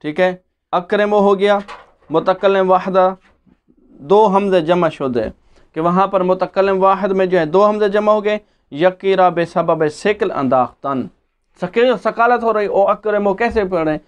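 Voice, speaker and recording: A male seminary teacher delivers a grammar lesson in a high, smooth, resonant voice. He reads each rule aloud, explains it, and recites word forms in steady chanted lists. He often puts a question to the class and answers it himself. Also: highs cut off.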